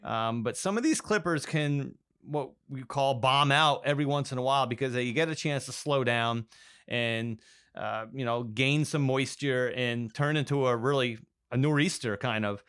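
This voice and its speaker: A man co-hosting a weather podcast, explaining in a steady way with fillers. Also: mid-range voice, normal speed, clear, resonant tone. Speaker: meteorologist co-host. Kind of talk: casual chat.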